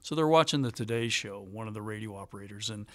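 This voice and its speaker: A man's voice: lowish voice, quick pace, a bit bright, no room sound. A middle-aged man, a former presidential pilot, telling stories in a conversational interview. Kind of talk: anecdotal interview storytelling.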